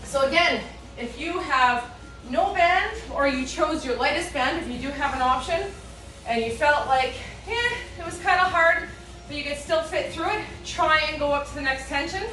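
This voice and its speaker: A woman's voice: high voice, moderate pace, pushed and bright. A woman leading a home workout class as an aerobics instructor, calling out counts, form cues and encouragement. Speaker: fitness instructor. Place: indoor room, virtual workout video. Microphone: distant from the speaker. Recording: echoey room, distant mic, music behind.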